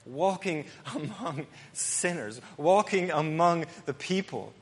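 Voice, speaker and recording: A male pastor preaching an earnest, emphatic sermon with pauses and restarts. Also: fairly high pitch, expressive. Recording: long hall reverb.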